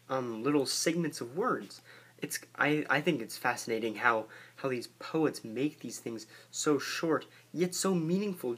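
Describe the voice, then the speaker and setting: A man's voice: on the high side, fairly bright tone, slightly rough. A young man talking eagerly about a favorite poem and reading it aloud, often restarting his sentences. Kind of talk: casual talk and poetry reading.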